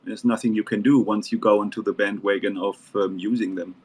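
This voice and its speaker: A man from New Zealand talking in a casual panel discussion, halting and restarting with many fillers. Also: lowish voice, fairly even intonation, darkish tone, slightly rough.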